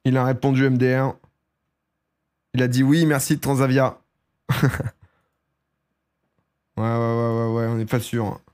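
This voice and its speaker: Unhurried and smooth, with frequent pauses, a young man with a sore throat chats casually on a live stream. He gets excitable and launches into loud, high bursts.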